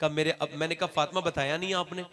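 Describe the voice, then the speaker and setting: High, bright-voiced male preacher. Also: steady tone, quick pace. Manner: impassioned, shouting to a crowd at climaxes; drops to soft, hushed storytelling. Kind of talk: Islamic sermon storytelling.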